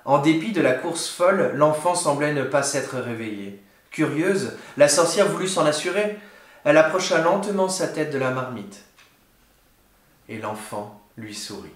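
Expressive man reading a children's story. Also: fairly high pitch, normal speed. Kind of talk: reading a picture book aloud. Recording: roomy echo.

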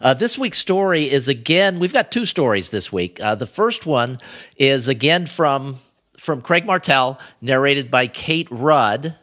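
A man's voice: mid-range voice, lively intonation, measured pace, a bit bright. A man hosting a podcast in casual chat, often restarting his sentences. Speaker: podcast host.

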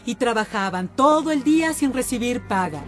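A woman's voice: on the high side, expressive, normal speed, faint music behind. A woman narrating a guided tour of an exhibition, explaining to her listeners. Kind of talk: scripted narration.

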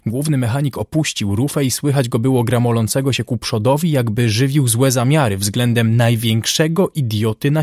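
Husky male audiobook narrator. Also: medium pitch, no echo, studio quality. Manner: measured, even storytelling. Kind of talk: scripted narration.

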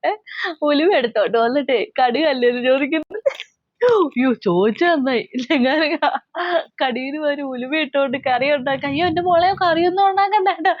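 A woman voicing a scheming middle-aged mother-in-law who talks slowly and mockingly. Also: high voice, lively intonation, no echo. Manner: slow, coaxing, mocking. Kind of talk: comedy skit acting. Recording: slightly dull lo-fi audio.

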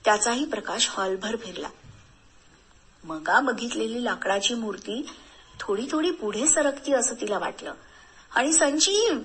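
A woman storyteller reading a thrilling story aloud in a measured, suspenseful way. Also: on the high side, animated, fairly bright tone, a little hiss or hum.

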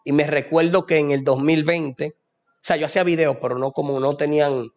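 A man's voice: on the high side, steady tone, moderate pace. A young man telling a fervent religious testimony in a preachy way. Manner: preachy, fervent, addresses listener as "amado". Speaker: guest giving a testimony.

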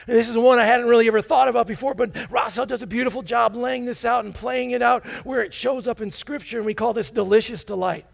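A man in his forties preaching to his congregation in a church sanctuary, his fairly high voice heavy with gravelly fry. He is animated and playful, pacing the stage and coaxing the crowd to join in. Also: quick pace, few pauses. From United States. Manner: walks about the stage as he preaches. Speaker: pastor. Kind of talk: sermon. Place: large church sanctuary, indoors.

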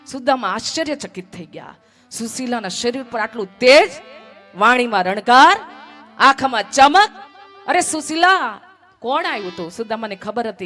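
A woman's voice: mid-range voice, fairly bright tone. A woman from Gujarat telling a devotional story as a sermon, emphatic and fond of repeating phrases. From Gujarat, India.

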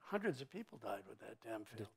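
A man's voice: on the low side, big pitch swings, quick pace, creaky, a little mellow, slightly rough. An older man being interviewed on a conference stage, talking in an emphatic, blunt and sweeping way with vivid turns of phrase, on a lapel mic. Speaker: mining executive interviewee. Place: conference stage before an audience.

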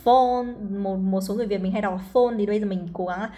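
A woman teaching English pronunciation, who says each phrase slowly several times and then explains it. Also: medium pitch, little pitch movement, background noise.

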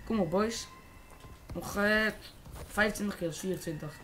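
A Dutch teenage boy giving casual, excitable live commentary on a shooter game and swearing freely. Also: high-pitched, moderate pace, slight background noise. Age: teens. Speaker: gaming YouTuber.

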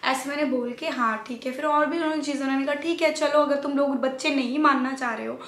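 A young woman with a high, bright-pitched voice tells a personal story in a casual, animated way, slipping English phrases in and acting out what family members said. She sounds like she's in an echoey room. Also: fast. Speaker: vlogger telling her love story.

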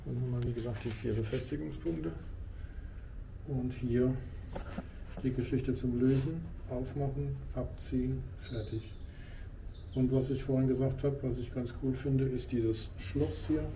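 A man's voice: mid-range voice, fairly even intonation, unhurried, gravelly. A man casually talking through his motorcycle gear as he rides and works in his garage, explaining things hands-on. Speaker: motovlogger. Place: garage and riding outdoors on a motorcycle. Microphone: helmet camera mic. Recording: road and engine noise.

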